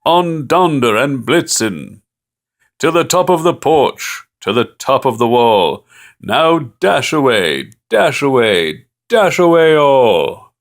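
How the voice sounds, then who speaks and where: A man voicing Saint Nick, an old, jolly man calling out to his reindeer in booming, drawn-out calls. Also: big pitch swings. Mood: rousing.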